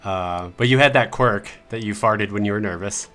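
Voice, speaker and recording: A man co-hosting a casual livestream chat about tabletop games, relaxed and asking the others questions. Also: fairly low pitch, normal speed, faint music behind. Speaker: podcast co-host.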